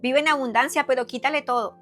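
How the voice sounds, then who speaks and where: Over faint background music, a middle-aged woman from Cali talks fast in a high, fairly bright voice with fairly even intonation. A psychotherapist addressing her followers, she offers testimony and devotion earnestly and emphatically, returning to repeated phrases and rhetorical questions.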